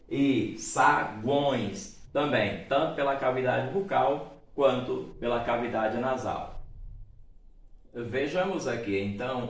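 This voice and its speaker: A male teacher talks through a lesson in a patient, drawn-out way, pausing to check that everyone is following. His voice sits at an ordinary pitch and carries a strong room echo. He sounds a little away from the microphone. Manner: explains slowly, checks in with "certo?" and "tá bom?". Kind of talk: recorded grammar lesson. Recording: echoey room, voice from a distance.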